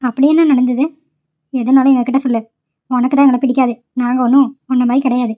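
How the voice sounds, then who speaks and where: Woman playing cartoon college girls, high voice, pleading, muffled lo-fi sound. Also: flat delivery, fast talker, lightly acted. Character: young female college students, caring friends. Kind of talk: amateur cartoon voice acting.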